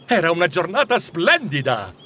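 Animated man reading a storybook. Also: fairly high pitch, normal speed, a little hiss or hum. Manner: animated, expressive. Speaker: narrator. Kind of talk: storybook narration.

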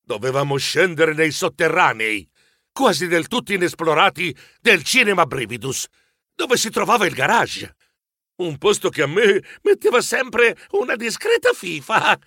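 A man narrating a children's audiobook in first person, animated and a little jittery. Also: high voice, normal speed, no room sound, clean studio sound.

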